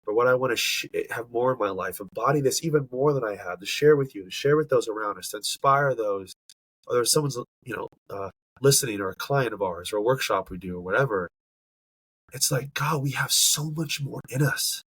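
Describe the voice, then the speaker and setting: On poor audio with no room sound, a male podcast co-host speaks fairly quickly in a husky, fairly bright mid-range voice. The talk is casual, yet he's earnest and emphatic, nose stuffed up by allergies, often groping for words.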